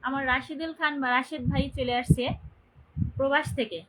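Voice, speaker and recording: A young woman hosting a casual phone livestream from Barisal, Bangladesh, speaks briskly in a high, steady voice over poor audio. She welcomes viewers by name and brightly pushes them to comment and share.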